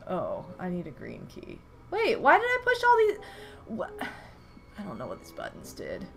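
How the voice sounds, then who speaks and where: Speaking at normal speed in a fairly low voice with vocal fry, a young woman streams a game from her home and chats casually with her audience. A recent flu has left her nose stuffed, but she's animated and exclaims at the game. Faint music plays behind.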